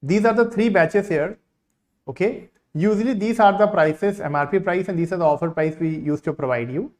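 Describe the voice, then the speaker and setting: A man with an Indian accent, an online teacher, giving an insistent, repetitive sales pitch to his live class. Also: moderate pace, a little mellow. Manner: insistent sales pitch, repeating key phrases.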